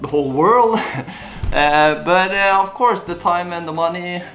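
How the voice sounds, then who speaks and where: Soft background music accompanies a young man from Norway whose high, fairly bright voice moves at an unhurried pace. Speaking with a Norwegian accent, this YouTube vlogger takes viewer questions to camera in a casual, earnest, rambling manner using simple phrasing.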